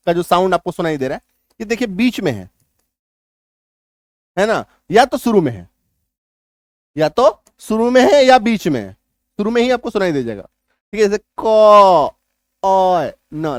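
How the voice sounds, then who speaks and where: A man's voice: high-pitched, big pitch swings, moderate pace, long pauses, no room sound, studio quality. A man teaching an English spelling lesson, often repeating points and checking if the class understands.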